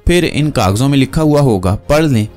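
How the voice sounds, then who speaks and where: A man's voice: mid-range voice, expressive, moderate pace, a little mellow, faint music behind, pitched above the performer's own voice, lightly acted. A man voicing a young male prisoner who stammers and speaks in an innocent-sounding tone. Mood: mock innocent. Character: meek-seeming young man prisoner, sly underneath.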